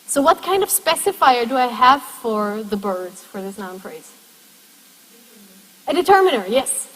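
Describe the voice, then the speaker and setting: Her voice sits on the high side, fairly bright and unhurried, with big swings in pitch. Teaching a university class, she explains things one step at a time and asks the students questions, her words trailing off into the hall's long reverberation.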